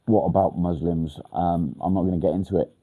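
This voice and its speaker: Deep-voiced and brisk, this English man hosts a livestream and replies to viewers' comments bluntly and casually, getting right to the point. His intonation stays fairly even, while a blocked nose leaves him sounding nasal and congested over narrow, tinny audio.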